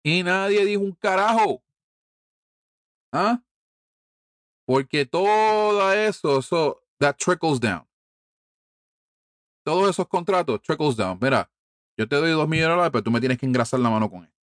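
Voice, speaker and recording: A middle-aged Puerto Rican man with a Puerto Rican Spanish accent delivers a heated, profane political monologue packed with rhetorical questions. His voice sits on the high side and is expressive, unhurried, and marked by long pauses. The recording is clean studio sound with no room sound.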